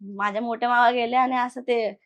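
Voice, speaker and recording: A woman's voice: fairly high pitch, moderate pace. Woman narrating a horror tale conversationally. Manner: conversational, animated retelling with quoted voices. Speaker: guest storyteller. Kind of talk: casual spoken horror story.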